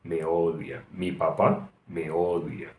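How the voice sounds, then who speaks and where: A hurt little boy, quiet and low, as a man voices him. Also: level tone, slow. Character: hurt little boy, five or six, feeling unloved. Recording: roomy echo, faint background noise.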